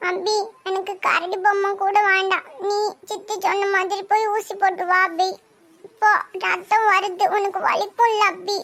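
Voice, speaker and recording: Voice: extremely high pitch, flat delivery, normal speed, pushed and bright, heavily acted. A performer voicing a small spirited girl who is fiercely protective and sassy in a cartoon. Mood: worried, pleading. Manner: scolding, sassy, later pleading. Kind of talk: cartoon voice acting.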